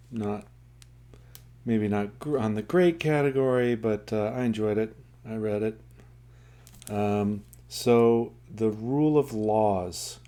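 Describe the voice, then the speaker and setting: This man's casual take on a book comes out haltingly, full of filler words and corrections, in a fairly low voice. His reading of passages, though, is steady and deliberate.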